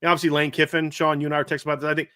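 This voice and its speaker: A man hosting a live sports talk show, talking in an animated, rambling way with frequent restarts. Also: a little high, very fast, smooth, dry recording, studio quality. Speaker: podcast host.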